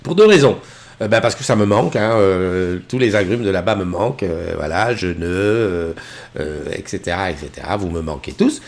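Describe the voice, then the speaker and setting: A middle-aged man with a slightly low voice hosts a relaxed morning live stream. He chats in an easygoing, friendly way, greeting viewers and reading their messages aloud. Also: moderate pace. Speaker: livestream host. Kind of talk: casual live-stream chat.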